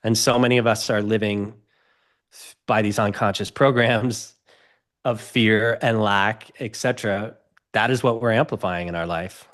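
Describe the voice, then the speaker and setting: A man's voice: on the low side, fairly even intonation, a little slow, fairly bright tone. A middle-aged man, a guest on a podcast, talking earnestly and expansively in a casual interview. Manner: earnest, expansive, gestures while explaining.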